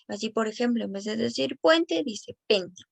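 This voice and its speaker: Woman explaining speech development, gravelly tone. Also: fairly high pitch, animated, dry recording. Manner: careful, explanatory, slows down on example words. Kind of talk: reading an educational presentation.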